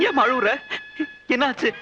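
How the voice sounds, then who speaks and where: An anguished trapped husband, high voice, pleading, muffled old film audio. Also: male voice, moderate pace, background noise. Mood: panicked. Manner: pleading, panicked. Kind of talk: 1990s film drama acting. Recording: dull old film soundtrack.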